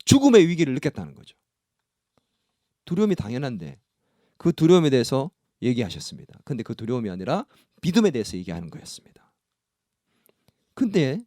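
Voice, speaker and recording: A male pastor preaching a sermon in a church, talking in an animated, conversational way and often putting questions to the congregation. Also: fairly high pitch, no room sound, clean studio sound. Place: church sanctuary.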